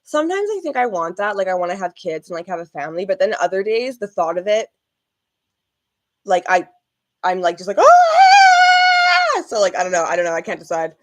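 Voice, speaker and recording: A woman's voice: lowish voice, expressive, quick pace. A woman vlogger giving casual reaction commentary, candid and rambling, with frequent swearing.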